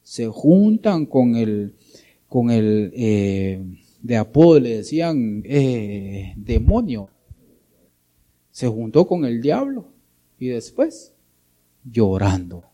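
A man preaches a sermon in a warm, mid-range voice with big pitch swings, speaking extremely slowly with long pauses. He addresses his listeners directly, repeatedly seeking their agreement and calling them brother.

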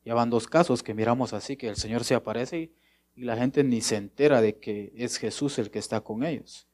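A man's voice: medium pitch, brisk. Man preaching with rhetorical questions. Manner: asks the congregation rhetorical questions and answers them; acts out short prayers and replies in a softer voice. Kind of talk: sermon.

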